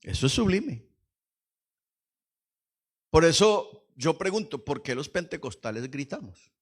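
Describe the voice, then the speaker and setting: A man preaching a lively Pentecostal sermon in church, swinging from hushed asides to shouts and quizzing the congregation. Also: fairly high pitch, measured pace, slightly rough. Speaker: pastor.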